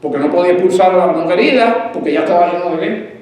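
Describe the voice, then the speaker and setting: Male pastor, sermon delivery, quizzes the congregation, loud then hushed, set back from the mic in a very echoey sanctuary. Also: high voice, racing. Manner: asks the congregation questions, swings from loud to hushed. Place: church sanctuary. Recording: echoey room, voice from a distance.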